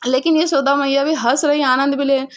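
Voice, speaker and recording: A woman recounts a devotional tale in a lively, conversational way. Her voice sits a little high, and she often slips into the voices of the characters she quotes. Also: fairly quick. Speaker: devotional storyteller. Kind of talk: devotional katha storytelling.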